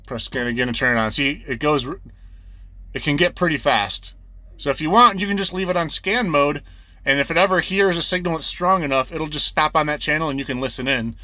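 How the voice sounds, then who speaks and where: In a dry recording from a truck cab, a man with a mid-range, sharp voice walks through a tutorial. He's plain-spoken and casual, repeating each instruction step by step the way a trucker shows a novice the ropes.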